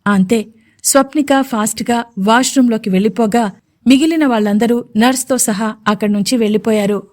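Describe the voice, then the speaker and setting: A woman radio jockey narrates a romance audio story in a scripted, expressive way. Her voice sits on the high side and she leans into the emotion. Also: normal speed.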